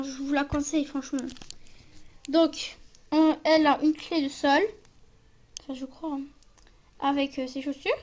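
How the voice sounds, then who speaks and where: A woman casually showing and describing a toy as she handles it, often ending phrases with a quick tag. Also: sits high, muffled recording, a little hiss or hum. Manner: talks while handling items, often ends phrases with a tag "hein". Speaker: toy reviewer. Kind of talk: casual unboxing and show-and-tell.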